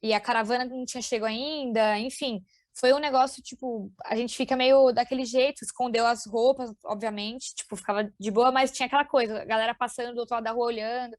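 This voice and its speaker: A young woman with a São Paulo accent, a podcast guest telling lively fan stories full of slang and acted-out quotes. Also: fairly high pitch, fast talker, few pauses, no room sound, clean studio sound. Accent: São Paulo Portuguese. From São Paulo, Brazil. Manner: animated, acts out quoted voices, lots of slang fillers. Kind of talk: casual storytelling chat.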